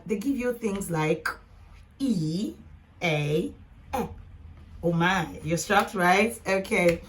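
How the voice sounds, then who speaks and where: Woman phonics teacher, slow and patient, low voice, sounds out each word for learners. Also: a bit bright. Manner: patient, sounds out words slowly, addresses learners directly. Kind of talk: teaching lesson to camera.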